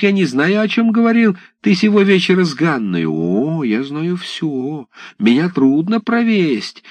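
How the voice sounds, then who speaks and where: A male narrator puts on a village woman's voice, raised far above his own and swinging widely as she scolds. She drags her words out in slow, furious accusations, and it's storybook reading in a dry, close sound. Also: on the high side, no echo, pitched above the performer's own voice. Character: shrill scolding village woman, sister-in-law.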